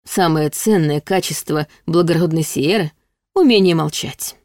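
A woman's voice: sits low, normal speed, a little mellow, dry recording, clean studio sound, lightly acted. Woman reading Kenna, a smug teasing demon. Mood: condescending. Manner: mock-sweet, drawling teasing delivery. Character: smug teasing male demon, mocking and lewd.

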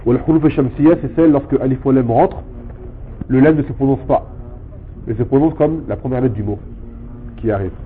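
A man teaching a language lesson, explaining patiently step by step and repeating words slowly for his student. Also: mid-range voice. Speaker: Arabic teacher. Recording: tinny phone-like sound with faint noise.

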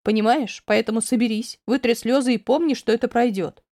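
A woman voicing a calm, reassuring middle-aged male doctor who talks gently and steadily. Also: on the high side, fairly quick, dry recording, studio quality, lightly acted. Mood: soothing.

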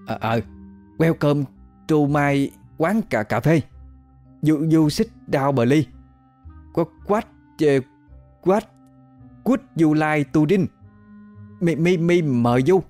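A man's voice: medium pitch, normal speed, long pauses, soft background music, pitched above the performer's own voice, natural voice. A man putting on a flustered young café woman. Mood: boastful flustered. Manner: fumbling broken English, excitable. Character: cheeky young woman café owner, boastful.

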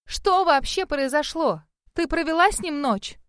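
A woman's voice: animated, normal speed, no echo, clean studio sound. A woman voicing a furious, spoiled young female student who snaps with contempt. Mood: angry, scornful. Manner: shrill, snapping, contemptuous.

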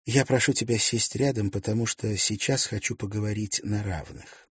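A man voicing a lonely young gentlewoman who speaks gently but decisively, in an audiobook. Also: fairly low pitch, steady tone, normal speed, slightly rough, no room sound, studio quality. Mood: earnest kind. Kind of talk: audiobook character voice.

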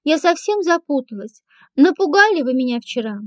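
A woman's voice: high-pitched, sing-song, normal speed, no room sound. A woman voicing a sly, fawning young ex-servant who wheedles, giggles and sighs. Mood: wheedling. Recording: dull lo-fi, dry.

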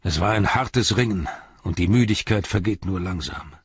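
A man's voice: low voice, expressive, slightly rough, no echo, dull audio, exaggerated voice. A man reading a grave, weary ranger king. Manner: grave, measured. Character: weary, stern noble male ranger king.

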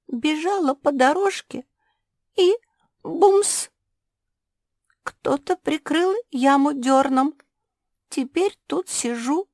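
A woman's voice: sits high, slow, pauses often, no room sound, studio quality, pitched above the performer's own voice. A woman voicing a timid young female spitz dog in a children's audiobook, speaking in a trembling, tearful way.

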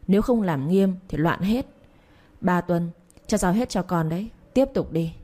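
A woman reading the part of an elderly head of the household, gruff and furious. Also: lowish voice, lively intonation, moderate pace, mellow. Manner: gruff, pronouncing each word.

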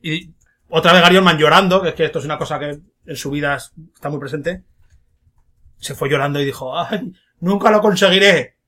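A man hosts a loose, comedic film podcast. His voice is bright and forward and sits a little high. He tells stories with a jokey edge and slips into silly voices for the quotes. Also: flat delivery, a little fast. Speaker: podcast host.

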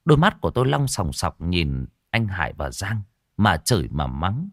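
Deep-voiced man telling a horror story. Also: normal speed, dry recording, clean studio sound. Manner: dramatic, expressive.

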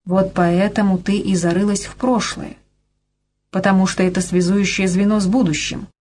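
A man's voice: high voice, level tone, moderate pace, darkish tone. A woman reading an audiobook and voicing a guarded, wry man in love. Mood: tender.

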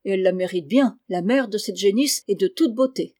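A naive, self-assured estate steward from a classic storybook, voiced by a woman. He speaks in a plain, mid-pitched voice. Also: brisk, darkish tone, lightly acted. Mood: curious.

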